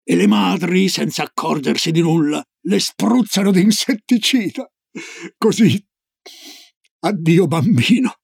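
A man reading an old Norwegian grandmother in a storybook, slow and low, with a gravelly, husky voice. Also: no echo, studio quality, heavily acted. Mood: ominous. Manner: slow, low, solemn warnings.

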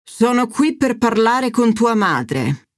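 A woman voicing a stern, stubborn older father who speaks bluntly and gruffly. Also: a little high, very animated, slow, dry recording, clean studio sound.

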